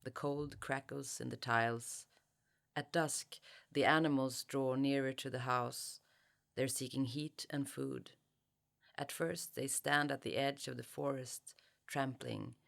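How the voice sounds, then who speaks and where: An extremely low, creaky, slightly bright voice with fairly even intonation belongs to a Swedish author. Speaking with her accent as an interview guest or while reading from her novel, she is thoughtful, halting, and searches for words.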